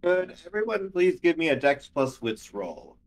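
A man's voice: on the high side, very animated, normal speed. A man narrating a tabletop role-playing game as its game master. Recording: music behind the voice.

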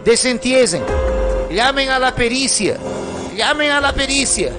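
A man's voice: very high-pitched, expressive, measured pace, pitched above the performer's own voice. A man doing a barking, bossy police chief. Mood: commanding. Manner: barking orders. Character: commanding male police chief, loud and brusque. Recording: music playing underneath.

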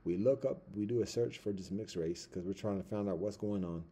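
A middle-aged man in a casual, reflective vlog monologue, using Rastafarian-style speech and halting, repetitive, deliberate phrasing. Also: lowish voice, mellow, slightly rough. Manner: Rastafarian-style speech with patois words like "brethren" and "ting".

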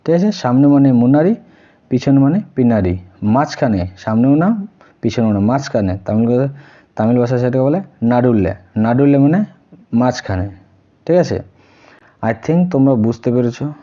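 A man's voice: mid-range voice, animated, moderate pace, long pauses, warm tone, dull audio. A man with a Bengali accent giving a casual spoken language lesson, repeating each word and often checking that the listener follows. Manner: repeats words, checks understanding with frequent tag questions. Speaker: language teacher.

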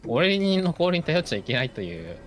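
A man's voice: fairly high pitch, very animated, quick pace. A man streaming an online team game, chatting casually with teammates and calling plays. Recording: loud game music behind voice. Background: game music.

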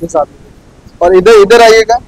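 A man's voice: high voice, measured pace, low-quality recording. A young man showing visitors around a large garment factory floor, explaining each step plainly and repeating himself, on a lapel mic. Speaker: factory guide.

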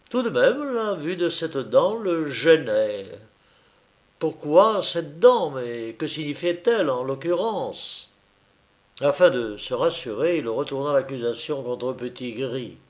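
A man narrating a classic detective novel in a measured, deliberate reading. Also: medium pitch. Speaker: audiobook narrator. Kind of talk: scripted narration.

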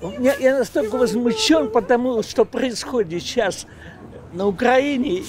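A man's voice: very high-pitched, moderate pace, crowd noise. An older man answering a street interview hesitantly, full of fillers and restarts. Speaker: passer-by. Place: city sidewalk outdoors. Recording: loud street noise outdoors.

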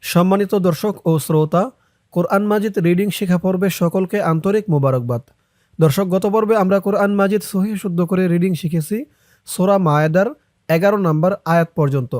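A young man teaching Quran reading, explaining each sound and then chanting the verses slowly and drawn out. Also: high-pitched, a little mellow, dry recording, clean studio sound. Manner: slow, drawn-out chanting of verses between quick spoken explanations. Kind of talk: Quran recitation lesson.

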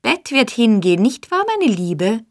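A woman reading an audiobook, voicing a sly old male gang boss who talks in a coaxing, flattering way. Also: a little high, unhurried, voice pushed up.

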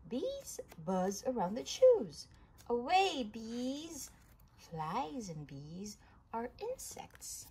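In a home recording with plenty of noise, a female narrator takes her time reading a children's science book. Her voice swings widely in pitch, lively and emphatic, pitched to young listeners.

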